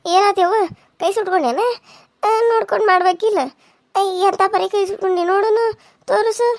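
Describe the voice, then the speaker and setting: A woman plays a nagging old village mother-in-law in a cartoon serial. Her voice is high and sounds dry and close. She scolds and justifies herself defensively. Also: steady tone, a little fast, no echo. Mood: scolding.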